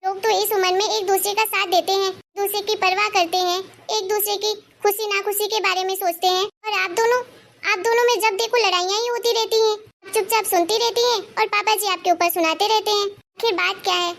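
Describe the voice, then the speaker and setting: A woman acts out a caring, outspoken young daughter-in-law in a cartoon story. She talks earnestly in a very high voice with a gravelly edge. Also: steady tone, brisk, a bit bright, heavily acted. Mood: concerned. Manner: concerned, earnest, persistent. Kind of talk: cartoon voice acting.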